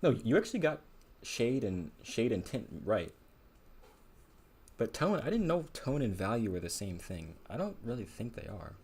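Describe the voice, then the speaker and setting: A man's voice: mid-range voice, big pitch swings, normal speed, a little mellow, breathy edge. A man chatting casually on a live stream while he paints, rambling and musing aloud with a self-deprecating manner.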